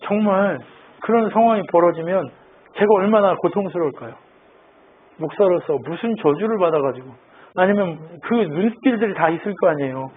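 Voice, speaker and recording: A man's voice: high-pitched, expressive, normal speed, husky. A man preaching a sermon as pastor, asking the congregation questions and answering them himself. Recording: tinny phone-like line with faint noise.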